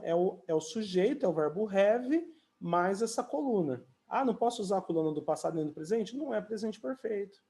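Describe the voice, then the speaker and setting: A Brazilian man with a dark tone on the high side teaches an online English conversation class. Chatty, he fills pauses with "né" and "ó" and sings or stretches out his English example sentences.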